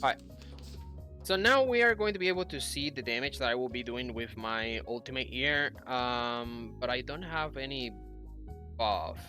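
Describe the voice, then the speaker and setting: A young man at an indoor computer gives casual commentary on the game he's playing for YouTube, thinking aloud and explaining as he goes. His mid-range voice is pushed and bright at normal speed, over game music.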